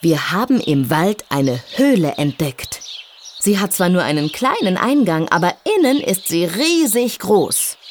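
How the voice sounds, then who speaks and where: A woman's voice: on the low side, big pitch swings, unhurried, slight background noise, voice pushed up. A woman voicing a bold, scheming boy in a storybook reading, with a confident, secretive manner.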